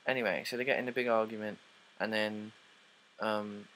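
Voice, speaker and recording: A man's voice: lowish voice, fairly even intonation, normal speed, a bit bright, a little hiss or hum, rough recording. A young man rambling through a casual, sarcastic review, swearing now and then. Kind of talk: casual play review vlog.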